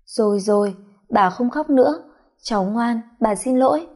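A woman voicing a middle-aged mother-in-law who is gruff and curt but caring. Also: on the high side, expressive, moderate pace, a little mellow. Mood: soothing.

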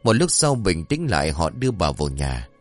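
A man narrating a horror story in a dramatic, expressive scripted reading. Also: low-pitched, normal speed, faint music behind.

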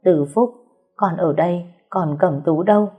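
A woman's voice: on the low side, measured pace, breathy edge, phone-quality sound, faint music behind. A woman reading a novel aloud voices an elderly matriarch speaking with reproach. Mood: worried. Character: elderly matriarch, stern and shocked.

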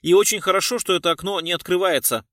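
A man voicing a touchy, pompous male cultural worker who complains loudly and haughtily. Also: on the low side, a little slow, dry recording, clean studio sound, voice pushed down. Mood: haughty.

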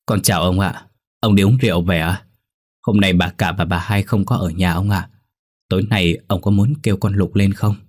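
A fawning, obsequious young servant who flatters with every word, as a man puts him on. His voice is low and husky, with faint music behind it in a storybook horror tale. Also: normal speed, dry recording, studio quality. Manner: flattering, ingratiating.

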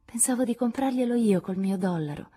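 A woman's voice: on the high side, fairly quick, breathy edge, pitched above the performer's own voice. A woman voicing shy young Beth. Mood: timid. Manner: soft and timid. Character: shy gentle thirteen-year-old girl Beth.

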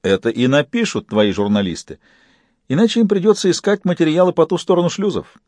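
A man voicing a menacing, triumphant man who has made himself a god, loud and gloating. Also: a little high, lively intonation, a little fast, no echo, pitched above the performer's own voice, lightly acted. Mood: boastful.

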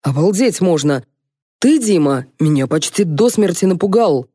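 A woman's voice: on the low side, animated, moderate pace, mellow, no room sound, studio quality. A woman reading an audiobook, voicing a stout, angry male police colonel who huffs indignantly. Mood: huffing. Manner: indignant, huffing.

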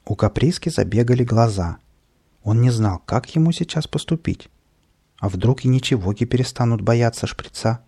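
A man narrating a children's audiobook in an expressive storytelling manner. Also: mid-range voice, normal speed, husky.

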